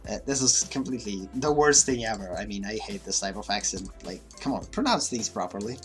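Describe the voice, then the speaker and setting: In a livestream monologue, a Russian-native man speaks English with a mixed, slightly Russian accent, casual and hesitant with frequent fillers and restarts. His fairly low voice is expressive, a bit bright, and a little fast, set against soft background music.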